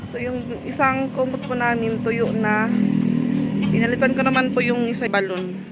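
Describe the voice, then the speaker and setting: A woman's voice: fairly high pitch, steady tone, normal speed, very noisy. A woman, narrating a casual home vlog and speaking politely and chattily to her viewers. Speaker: vlogger.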